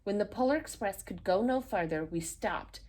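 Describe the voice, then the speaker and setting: A woman reads a children's storybook aloud, narrating expressively in a medium-pitched voice at normal speed.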